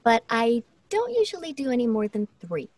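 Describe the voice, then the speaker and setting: A woman's voice: on the high side, huge pitch swings, normal speed, darkish tone, distant mic, a little hiss or hum. A woman who works as a voice actor, speaking in an interview and sometimes acting out casting notes. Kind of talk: interview conversation.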